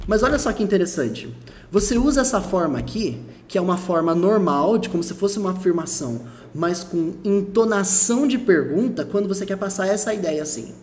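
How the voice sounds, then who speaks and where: A man's voice: high voice, darkish tone, a little hiss or hum. A Brazilian man teaching a lesson, explaining patiently, repeating his points and checking the listener follows. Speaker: English teacher.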